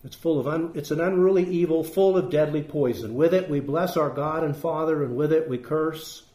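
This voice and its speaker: A man's voice: on the high side, normal speed, dark tone. A man preaching a sermon as pastor, emphatic and putting rhetorical questions to his congregation. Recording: echoey room.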